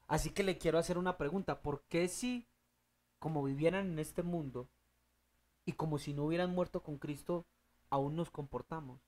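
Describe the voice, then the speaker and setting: With a mid-range voice, a Bible teacher running a study group speaks emphatically. He puts questions to his listeners, then answers them, breaking into loud, rising bursts.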